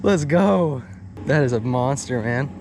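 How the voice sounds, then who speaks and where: An angler filming a fishing video outdoors by the water chats casually, throwing in frat-bro slang and hyped exclamations. His mid-range voice is animated but a little slow, and background noise is clearly audible.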